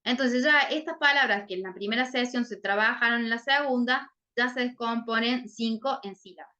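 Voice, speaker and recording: Woman, teacher, explanatory, keeps asking "right?", bright tone, muffled recording. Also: fairly high pitch, moderate pace. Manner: checks in often with "¿sí?". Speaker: literacy teacher explaining a case. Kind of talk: explanatory lesson talk.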